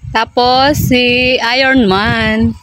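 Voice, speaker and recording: A woman's voice: on the high side, little pitch movement, extremely slow, fairly bright tone. A woman vlogger giving a casual, chatty tour outdoors, exclaiming and repeating short phrases, on amateur audio. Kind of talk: casual handheld resort tour narration. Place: outdoors at a resort.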